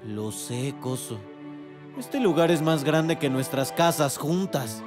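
An earnest, defiant cartoon animal hero. The speech is slow with lively movement in pitch. Loud music plays behind. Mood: uneasy. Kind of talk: animated series hero acting.

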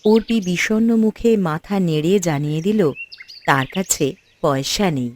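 A woman giving expressive, scripted storybook narration for a cartoon. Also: lowish voice, a little slow, a little hiss or hum.

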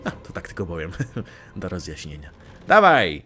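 A man's voice: low-pitched, wildly swooping pitch, normal speed, pushed and bright. A young man casually commenting on his gameplay, joking, swearing lightly and talking back to the game characters. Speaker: let's play gamer.

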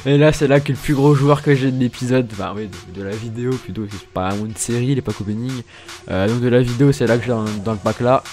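A man's voice: medium pitch, quick pace, a little mellow, soft background music. A man doing casual, self-mocking commentary while opening game packs, stammering and laughing often. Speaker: gaming YouTuber.

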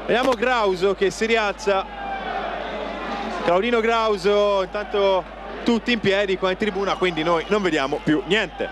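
Very high-pitched male football commentator, noisy stadium. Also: a little slow, a crowd in the background. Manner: clipped phrases, calling out players' names. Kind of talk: live match commentary. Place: outdoor football stadium stand. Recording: noisy outdoor stadium TV broadcast.

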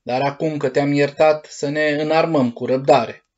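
Male narrator as storybook puppet-master: hoarse, gruff, grumpy but soft inside; dull lo-fi sound. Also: fairly high pitch, steady tone, lightly acted. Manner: gruff, shouting, sneezing.

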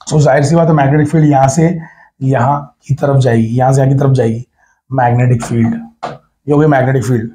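A man's voice: on the high side, dark tone. A man with an Indian accent teaching physics in a recorded exam-prep lecture, chatty and teasing, repeating phrases and mixing English terms into his talk.

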